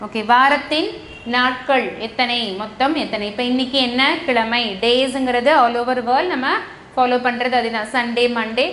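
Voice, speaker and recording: A woman's voice: on the high side, fairly even intonation, unhurried, fairly bright tone. A woman with a Tamil accent teaching a lesson to young children. She switches between Tamil and English and spells out words letter by letter. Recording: echoey room with faint noise.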